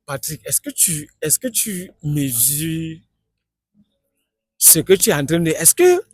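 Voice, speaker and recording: A male interviewer on the street, fairly high for a man, who stumbles and restarts as he searches for words. His voice is dry and close, with no echo. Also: sing-song, darkish tone, slightly rough. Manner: halting, hesitant, restarts often. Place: outdoors on the street.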